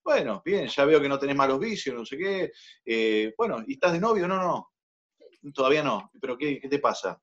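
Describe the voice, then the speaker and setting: Relaxed Argentine man telling a story. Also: mid-range voice, a little fast, muffled recording. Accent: Argentine Spanish. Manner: relaxed storyteller, voices quoted dialogue. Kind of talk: casual chat, telling an anecdote.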